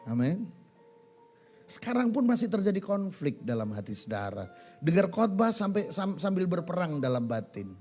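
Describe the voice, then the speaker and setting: A male pastor preaching a sermon in a church, animated, asking the congregation questions and answering them himself. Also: sits high, moderate pace, soft background music.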